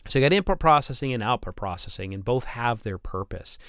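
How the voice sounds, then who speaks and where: Brisk and lively in intonation, this audio engineer teaches technical material with a medium-pitched voice that is fairly bright, clear and resonant. His conversational lecture over slides includes occasional stammered repeats, recorded dry at studio quality.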